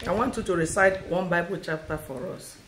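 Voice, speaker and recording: A woman's voice: fairly low pitch, a little fast, fairly bright tone, roomy sound, a little hiss or hum. A Nigerian woman, a mother, chatting playfully with her daughters on a live video, teasing and laughing and slipping into pidgin. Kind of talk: playful casual family chat.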